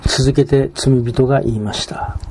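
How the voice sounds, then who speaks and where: A pastor preaching a sermon, reading scripture and retelling a story in a measured, calm manner. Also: male voice, mid-range voice, a little hiss or hum.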